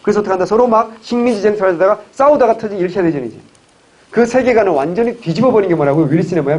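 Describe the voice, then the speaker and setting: Fast-talking, husky-voiced male lecturer. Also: high-pitched, darkish tone, muffled recording. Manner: joking, asks the class quick questions. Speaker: civil service exam history lecturer. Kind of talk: classroom lecture.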